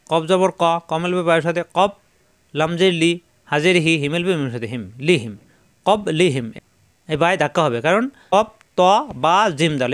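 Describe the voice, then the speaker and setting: High-voiced man patiently drilling syllables. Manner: slow, patient, repeats each syllable for learners to echo. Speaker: Quran reading teacher. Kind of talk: step-by-step spelling lesson.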